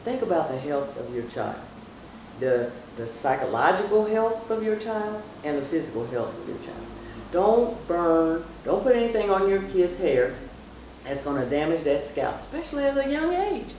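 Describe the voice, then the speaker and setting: This middle-aged mom, a guest on her daughter's vlog, has a warm, fairly low voice with big pitch swings at a normal pace. She's casual and emphatic, sharing stories and advice and repeating phrases for stress, captured on a distant mic in a very echoey room with faint noise.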